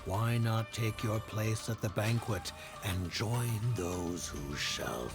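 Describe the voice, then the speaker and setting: A man playing a grandiose, scheming game villain with a theatrical, measured, portentous delivery. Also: on the low side, music in the background. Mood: coldly persuasive. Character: scheming, grandiose male villain recruiting an ally. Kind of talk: video game voice acting.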